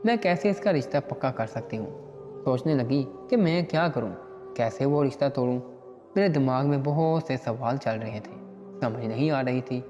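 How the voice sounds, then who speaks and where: A man's voice: mid-range voice, darkish tone. Man narrating an emotional story. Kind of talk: scripted first-person story narration. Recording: dull lo-fi recording with long reverb and faint music.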